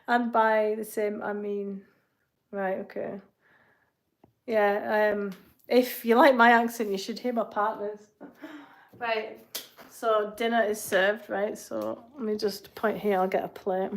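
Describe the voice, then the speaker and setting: An English-accented woman, a fitness coach, chats casually on a live Q&A stream from her home kitchen. Her mid-range voice barely shifts in pitch and she takes her time, rambling and tossing in asides as she cooks.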